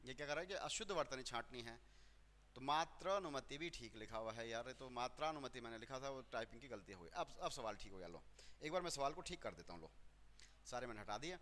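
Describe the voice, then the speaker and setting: A man's voice: medium pitch, sharp tone. A male teacher working through exam questions step by step, repeating words and correcting himself aloud. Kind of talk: exam solution lesson. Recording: hall reverb.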